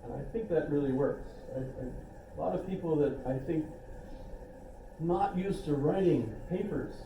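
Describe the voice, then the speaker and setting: An older man teaches a philosophy class in a loose, rambling style, dropping asides and jokes at his own expense. His voice sits a little high and moves a little slowly, with a mellow, lo-fi quality and a touch of hiss or hum. He's recorded from a distance in an echoey classroom.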